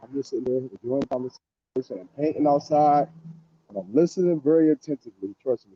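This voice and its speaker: Stream caller, male, muffled as if through a wall over a dull, low Bluetooth mic, halting and casual. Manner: halting, full of fillers. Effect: muffled and low, as if heard through a wall. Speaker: caller on a live stream panel. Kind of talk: casual chat. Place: outdoors.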